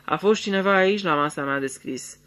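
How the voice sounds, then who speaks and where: A man's voice: high-pitched, bright, forceful tone, voice pushed up. A man voicing a cold, scheming young lord in a radio theatre reading, icy and commanding, flaring into thundering anger. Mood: furious.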